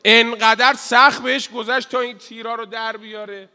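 A man with a high, strikingly bright and piercing voice delivers a mourning sermon. He moves between loud wailing cries and hushed grieving murmurs. Long reverb trails after his words in the hall. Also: level tone, clear, resonant tone. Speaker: religious eulogist.

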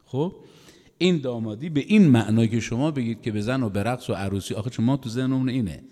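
A middle-aged man preaching a religious sermon, telling a story with emotion, his voice climbing high when he acts out the figures and dropping soft for asides. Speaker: cleric preacher. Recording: long hall reverb.

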